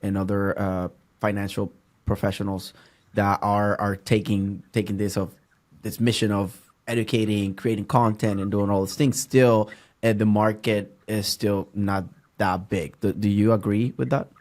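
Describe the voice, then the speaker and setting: A man with a Puerto Rican accent, a native Spanish speaker, hosting a casual podcast interview and talking haltingly with many restarts and fillers. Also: fairly low pitch, flat delivery, darkish tone. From Puerto Rico. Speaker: podcast host.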